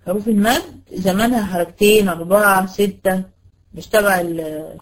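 An Egyptian woman leads a tajweed class for female students. She explains the rules patiently and keeps asking short questions to check that they follow, at an ordinary mid pitch. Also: moderate pace, low-quality recording. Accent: Egyptian Arabic. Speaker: Quran recitation teacher. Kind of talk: online tajweed lesson.

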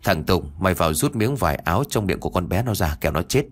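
A man voicing a cruel, lecherous young landlord's son who gives gruff, commanding orders. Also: low voice, animated, quick pace. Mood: menacing.

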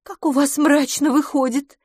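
A woman reading an audiobook, voicing a glamorous, bubbly young woman in a high, lilting, playful voice. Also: moderate pace, a little mellow, no echo, studio quality, lightly acted. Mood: coquettish.

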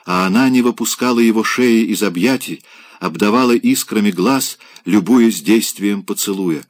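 A man reading a classic novel aloud, in measured, expressive literary narration. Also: lowish voice, dry recording, clean studio sound. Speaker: audiobook reader.

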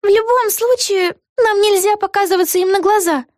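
A woman voicing an eager, brave young witch girl in an audiobook, with a high, lively and urgent delivery. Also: moderate pace, no echo, clean studio sound. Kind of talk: audiobook character voice.

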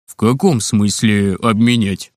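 Man voicing a calm wry dad, lower voice, dry close sound, storybook. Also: measured pace, no echo, close to an everyday voice. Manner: low, calm, dryly amused.

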